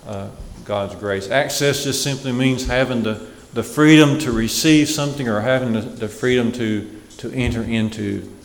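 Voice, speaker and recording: A man preaching a sermon in a measured way, repeating key phrases for emphasis. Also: medium pitch. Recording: echoey hall with long reverb.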